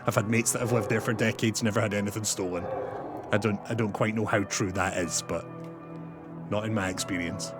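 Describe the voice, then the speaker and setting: A man's voice: fairly low pitch, steady tone, a little fast. A young man streaming a game, chatting with his viewers and signing off turns with "over". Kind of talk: casual chat while gaming. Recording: game music loud behind.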